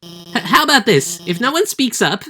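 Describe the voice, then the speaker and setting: A woman's voice: mid-range voice, very animated, normal speed, a bit bright, voice pushed up. Brief: timid stammering lizard teacher, a woman voicing her. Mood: nervous. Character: nervous female lizard teacher.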